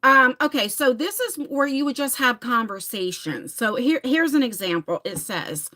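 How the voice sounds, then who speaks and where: With a high-sitting, animated voice that's pushed and bright, this New Jersey livestream host in her forties talks at a moderate pace. She's chatty and laughs often, reading viewer comments and speaking to people directly by name.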